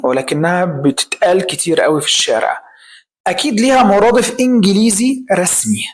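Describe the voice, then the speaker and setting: Egyptian man drilling English words. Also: a little high. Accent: Egyptian Arabic. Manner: repeats words slowly for drilling. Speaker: English teacher. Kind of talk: spoken language lesson.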